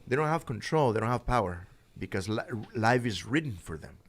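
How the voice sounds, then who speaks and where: A man's voice: mid-range voice, animated, a little fast. A man, a boxer guest in a casual interview, talking animatedly with frequent laughter and slipping into Spanish phrases.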